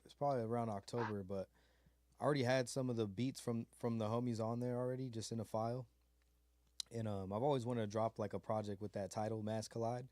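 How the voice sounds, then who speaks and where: A beat maker from California's Mojave desert, an adult with a child, chats casually in an interview, laid-back and rambling with plenty of fillers and slang. His mid-range voice is fairly even, quick-paced and a little mellow, with no room sound.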